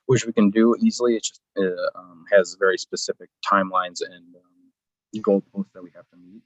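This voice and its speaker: A very deep-voiced man talks through next steps over a video call, careful and explanatory, pausing on frequent fillers. His audio keeps fading and cutting out, so the volume jumps up and down. The sound is dull and lo-fi, and very dry. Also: no room sound. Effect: choppy video-call audio with the volume fading and cutting out. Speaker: airport project consultant. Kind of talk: explaining at a public meeting.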